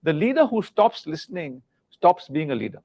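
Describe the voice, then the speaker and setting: A man's voice: on the high side, very animated, normal speed, creaky, a little mellow. A middle-aged man from India, a former business leader, talking earnestly about leadership in a live interview and often repeating words as he searches for the next one.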